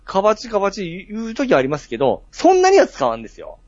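A man's voice: high-pitched, fast talker, no echo. Laid-back man, dry lo-fi mic. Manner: relaxed, frequent short backchannels. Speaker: podcast co-host. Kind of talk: casual chat.

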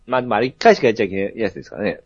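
A man co-hosting a casual podcast, soft-spoken and a little apologetic, often agreeing with his partner. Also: fairly low pitch, lively intonation, racing, no room sound, lo-fi sound. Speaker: podcast co-host. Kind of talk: casual chat.

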